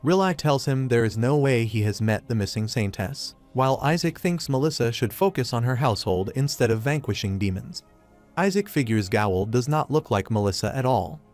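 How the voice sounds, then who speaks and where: A man narrating a comic recap in a steady, even storytelling voice. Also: mid-range voice. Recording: faint music behind.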